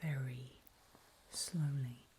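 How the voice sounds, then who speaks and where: Speaking in a breathy whisper from a very deep voice, a woman narrates an ASMR roleplay with fairly even intonation. She guides the listener in hushed, deliberate short phrases, pausing between each.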